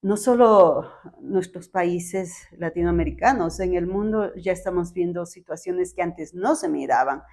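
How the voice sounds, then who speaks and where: A woman's voice: lowish voice, a little slow, hardly any pauses, a little mellow. A woman hosting a casual podcast who affirms her guest and then adds her own reflective remarks. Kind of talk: casual chat.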